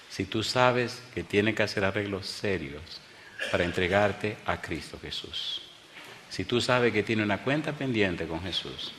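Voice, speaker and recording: A man preaching a sermon as a pastor, telling stories with bursts of excitement and hushed quiet moments before a live congregation. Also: lowish voice. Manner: animated storyteller, swings from excited outbursts to hushed tones. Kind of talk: sermon with storytelling. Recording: echoey hall, faint background noise.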